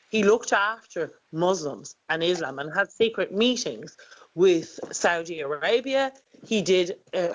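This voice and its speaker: Host, mid-pitched voice, brisk and insistent, frequent ums. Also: poor audio. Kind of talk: political talk show interview.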